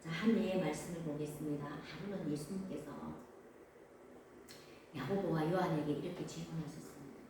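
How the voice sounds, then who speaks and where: A woman's voice: low-pitched, moderate pace, background noise. A woman pastor preaching a sermon, with emphatic repetition and voiced quotations. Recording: echoey hall from far off.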